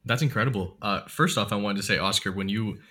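A man's voice: on the low side, quick pace, sharp tone, breathy edge. A man hosting a casual podcast interview, asking questions in a friendly, playful way. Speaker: podcast host.

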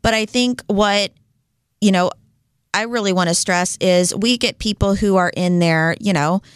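A woman co-hosting a casual health show, explaining things in an agreeable way. Her voice is smooth and clear. The recording is dry and close. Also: mid-range voice, measured pace, no room sound.

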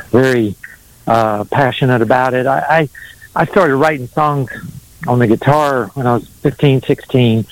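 A man's voice: medium pitch, dry recording, poor audio. A middle-aged man from North Carolina, telling his story in a rambling, hesitant way as an interview guest. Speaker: singer-songwriter, interview guest.

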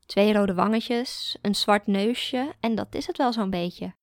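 Woman reading a story in first person, calm, gravelly voice, dry close sound. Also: mid-range voice, measured pace, no room sound. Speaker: audiobook narrator.

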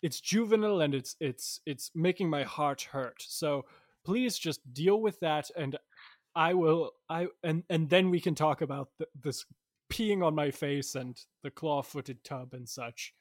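A man's voice: a little high, measured pace, dry recording, clean studio sound. A man playing a flustered, exasperated customer in an improv comedy scene. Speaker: improv performer.

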